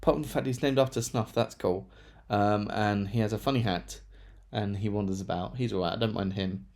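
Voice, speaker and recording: Gravelly man reviewing books. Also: lowish voice, fairly quick, darkish tone. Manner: rambling, chuckling, self-deprecating asides. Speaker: book vlogger. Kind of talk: casual monthly book review.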